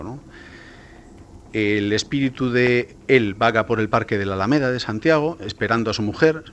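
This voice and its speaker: A man's voice: lowish voice, slight background noise. A man speaking as a journalist guest on a radio talk show, explaining at length with many fillers.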